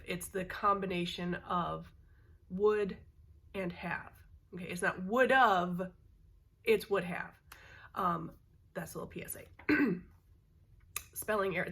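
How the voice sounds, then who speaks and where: A woman's voice: on the low side, fairly bright tone, slightly rough. A middle-aged woman chatting casually to her viewers in a rambling way, with many fillers and restarts. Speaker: vlogger. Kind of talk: casual chat to camera.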